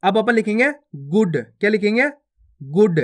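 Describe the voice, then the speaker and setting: A man teaching children to read and write words, sounding each out slowly, repeating it, and asking and answering his own questions. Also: sits high, lively intonation. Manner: repeats each word twice, asks and answers himself. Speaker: Hindi reading teacher. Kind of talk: slow, drawn-out word-by-word teaching.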